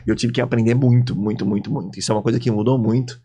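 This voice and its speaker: Fast-talking Brazilian man telling stories. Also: medium pitch, husky. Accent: Brazilian Portuguese. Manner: animated storyteller, acts out dialogue in voices. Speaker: guest, logistics sales executive. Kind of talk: casual podcast interview storytelling.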